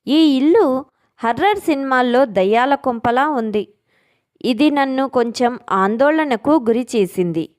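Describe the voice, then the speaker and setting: Brief: woman storyteller, lively pitch, fairly high voice, suspenseful scripted narration. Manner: expressive, suspenseful.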